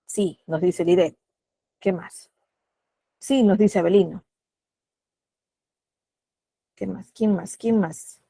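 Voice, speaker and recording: Peruvian spanish lady teaching online class, mellow voice, patient, calls on students, dry sound. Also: on the low side, slow, creaky, breathy edge, dry recording.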